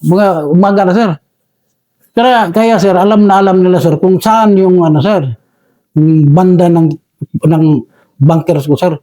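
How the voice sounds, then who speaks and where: Filipino man, soldier recounting combat, high mellow voice, respectful, sir after every phrase. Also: unhurried, pauses often. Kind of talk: interview storytelling.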